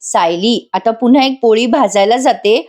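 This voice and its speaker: A woman's voice: fairly high pitch, moderate pace. Woman recapping a TV serial. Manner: acts out characters' lines in quotes, animated. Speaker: TV serial episode reviewer. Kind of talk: voice-over episode recap.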